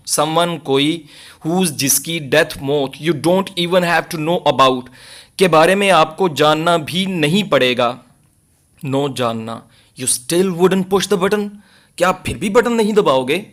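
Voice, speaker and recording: A man with a Pakistani accent teaching an English lesson, reading each line slowly and explaining it in Urdu. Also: on the high side, fairly bright tone.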